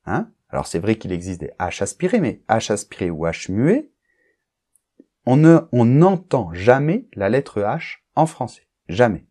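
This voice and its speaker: Male teacher, lowish voice, very expressive pitch, patient explanations, modeled example phrases. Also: slightly rough. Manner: patient, explains slowly and models words with exaggerated intonation; checks understanding with frequent "d'accord?". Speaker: French pronunciation teacher. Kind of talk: recorded lesson addressing the learner.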